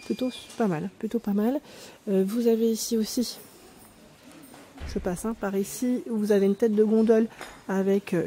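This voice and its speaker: A woman filming herself as she walks through a discount store, reading out prices and pausing now and then to check the labels. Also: mid-range voice, warm tone. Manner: chatty, pauses to check labels, reads prices aloud. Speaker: vlogger touring a discount store. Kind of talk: casual store-walk commentary. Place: inside a large retail store.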